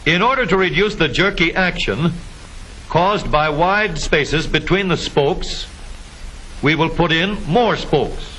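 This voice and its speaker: A man narrating a 1950s educational film in a scripted, step-by-step explanatory style, with deliberate phrasing. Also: a little high, bright, forceful tone, poor audio. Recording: hissy vintage 1950s film soundtrack.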